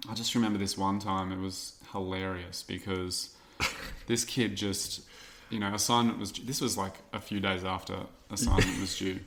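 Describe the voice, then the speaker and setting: Male co-host, young, somewhat low voice, animated storyteller who likes doing other people's voices. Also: normal speed, noisy background. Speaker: podcast co-host; teacher. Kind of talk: casual chat.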